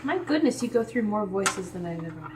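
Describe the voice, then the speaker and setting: A woman playing a tabletop game, animated and amused. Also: medium pitch, fairly quick. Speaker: player. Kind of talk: casual tabletop play. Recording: far-off mic, background noise.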